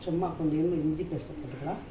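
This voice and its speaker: A woman's voice: low-pitched, quick pace, lo-fi sound. A woman giving a casual, homely cooking demonstration, repeating each step and addressing viewers familiarly. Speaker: home cook demonstrating a recipe. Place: indoor kitchen. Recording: roomy echo, kitchen sizzling noise.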